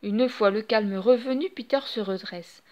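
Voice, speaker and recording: A woman reading a children's audiobook aloud in an expressive, animated storytelling manner. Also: medium pitch, a little slow, muffled recording. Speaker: storybook reader.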